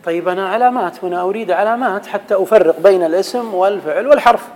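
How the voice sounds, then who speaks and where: A man's voice: high-pitched, racing, darkish tone, big-room sound, poor audio. A man teaching an Arabic grammar lesson, quizzing his students and reciting verse. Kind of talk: classroom lesson.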